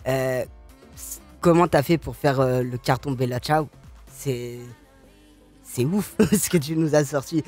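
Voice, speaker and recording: A young man in his twenties, a radio host asking casual interview questions at a studio mic, relaxed and easily laughing. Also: medium pitch, unhurried, soft background music. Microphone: studio mic with headphones.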